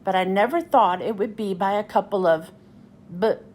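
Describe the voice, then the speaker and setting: A woman's voice: medium pitch, moderate pace, darkish tone, lightly acted. A woman voicing a cranky, bossy male dockside crane in a children's storybook, with a complaining manner. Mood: grudging.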